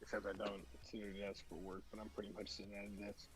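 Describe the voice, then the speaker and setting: A man with a low voice chats loosely during a group build, tossing in curse words and trailing off mid-thought. Soft music plays faintly underneath. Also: monotone, quick pace. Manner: loose, profane, rambling. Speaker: guest builder on a stream. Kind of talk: casual chat.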